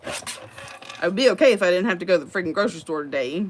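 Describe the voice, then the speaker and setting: A woman's voice: fairly low pitch, lively intonation, quick pace, a little hiss or hum. A middle-aged woman with a Southern US accent chats in a folksy way while crafting on a livestream, often laughing at her own stories. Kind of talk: casual chat while crafting.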